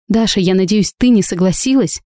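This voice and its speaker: A woman voicing Natasha, a young woman who indignantly defends her friend, reading in a warm, close voice. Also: medium pitch, brisk, dry recording, lightly acted. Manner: indignant, sharp.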